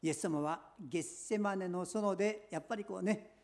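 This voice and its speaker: A woman preaching a sermon in short, earnest phrases, pausing for an interpreter. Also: medium pitch, darkish tone.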